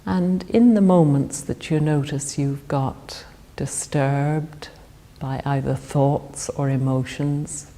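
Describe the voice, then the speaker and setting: Calm pauses fall between the phrases of a woman's body scan meditation. She has a low, mellow voice and delivers the guidance very slowly and gently.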